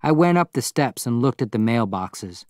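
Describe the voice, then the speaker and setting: A man reading a novel aloud as narrator in a measured, plain storytelling manner. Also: medium pitch, big pitch swings, a little mellow, dry recording, studio quality. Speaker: audiobook narrator. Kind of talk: scripted narration.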